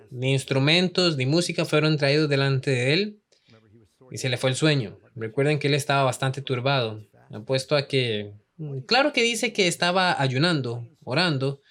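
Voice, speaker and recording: Un hombre que enseña una lección bíblica en español y hace muchas preguntas al público. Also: male voice, on the high side, a bit bright. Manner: asks the audience many questions. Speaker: Bible teacher. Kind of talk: Bible study lesson in Spanish.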